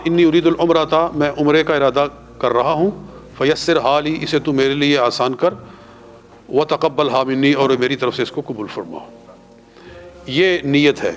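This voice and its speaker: A religious teacher with a Punjabi-influenced Urdu accent leads a class on pilgrimage rites in a fairly high voice. He has his listeners repeat prayers after him, slowly and in a drawn-out manner.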